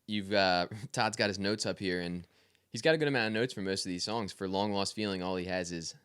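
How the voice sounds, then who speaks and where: Fast-talking easygoing male co-host. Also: deep voice, fairly bright tone, smooth. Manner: easygoing, quick to laugh. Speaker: podcast co-host. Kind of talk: casual music review chat.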